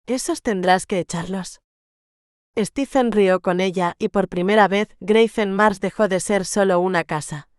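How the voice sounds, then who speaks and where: A woman narrating a romance novel audiobook in a measured, gentle storytelling manner. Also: medium pitch, steady tone, clear, resonant tone, no echo, clean studio sound.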